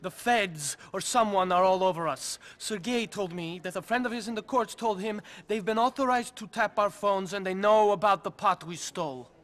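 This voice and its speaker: A man's voice: sits high, moderate pace, few pauses, a bit bright. An actor playing an anxious, level-headed male mobster lieutenant in a game cutscene, reasoning and then pleading. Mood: worried. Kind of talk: video game cutscene acting.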